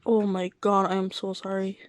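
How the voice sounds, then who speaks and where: A woman's voice: medium pitch, little pitch movement, normal speed, dry recording, poor audio. A woman with the hiccups, casually running through football results and lineups and often excusing herself. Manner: reads out lineups, keeps apologizing. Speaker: football vlogger. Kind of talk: casual live football reaction.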